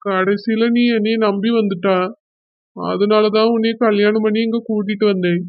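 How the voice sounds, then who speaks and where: A woman's voice: medium pitch, steady tone, moderate pace, no echo, natural voice. A hesitant young husband in a village drama, played by a woman, with a Kanyakumari Tamil accent. He soothes his wife while sounding unsure of what to do next. The sound is dry and somewhat dull and lo-fi. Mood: worried. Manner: soothing, hesitant, repeats wife's name. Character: worried young husband, press shop owner.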